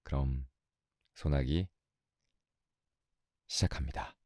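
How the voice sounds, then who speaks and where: A man reading a story aloud for sleep in an even, unhurried voice. His tone is very deep and mellow. It sits close to the mic and sounds dry, with no echo. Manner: calm, slow, soft storytelling. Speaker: audiobook narrator. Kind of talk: bedtime audiobook reading.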